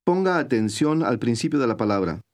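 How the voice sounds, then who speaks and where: A man narrating an old-style recorded language lesson, clear and measured like a teacher giving drills, mid-pitched voice. he speaks steadily and carefully. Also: animated. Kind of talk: scripted instructional narration.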